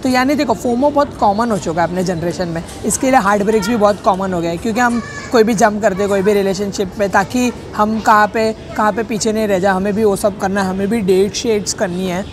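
A man's voice: high voice, brisk, hardly any pauses, over music. Rambling jokey young man vlogging. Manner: rambling, jokey, self-correcting. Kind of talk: casual vlog talk. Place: public cafe. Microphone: handheld camera.

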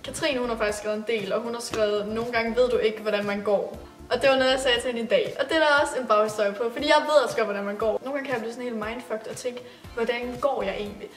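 A teenage girl with a fairly high voice talks casually to her vlog audience. She is giggly and self-deprecating, leans on lots of fillers, and sounds a little distant from the mic in a roomy space with faint music underneath. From Denmark. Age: teens. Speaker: vlogger. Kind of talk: casual vlog, reading out and answering facts from friends.

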